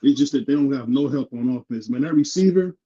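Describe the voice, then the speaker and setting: A man's voice: mid-range voice, quick pace, warm tone, breathy edge. A man chatting casually in a sports-betting talk, his voice sounding muffled and underwater through his headset. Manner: laid-back, joking, trailing off mid-thought. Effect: muffled, underwater-sounding mic. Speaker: panelist calling in. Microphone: headset earphones on a call. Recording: dull muffled line with faint noise.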